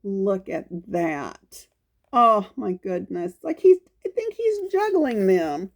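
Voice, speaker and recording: Reading a picture book aloud to young children, a woman speaks slowly at a medium pitch with big swings up and down. As a storytime reader, she sprinkles in folksy exclamations and gentle, coaxing little questions.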